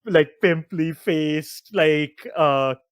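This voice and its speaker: A man narrating a tabletop game as dungeon master, casual and loose, filling pauses with fillers. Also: a little high, clean tone, dry recording, clean studio sound.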